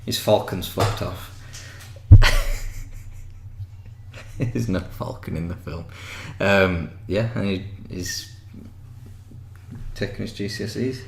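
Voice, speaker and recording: A young man from West Yorkshire with a deep, low-set voice and the local accent. He chats loosely on a podcast, swearing freely and laughing often. The room is echoey, with a faint hiss under him. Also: takes it slowly, creaky, pauses often. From West Yorkshire, England. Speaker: podcast co-host. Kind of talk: casual chat.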